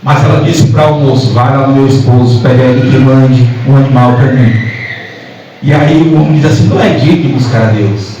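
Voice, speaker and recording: A Brazilian man delivers a Pentecostal sermon in a church hall. His voice rings through heavy reverb and sits slightly high, picked up from some distance with a faint hiss underneath. He acts out the scripture dialogue and then rises into fervent exhortation. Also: steady tone, fairly quick, mellow, dull audio. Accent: Brazilian Portuguese. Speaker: preacher.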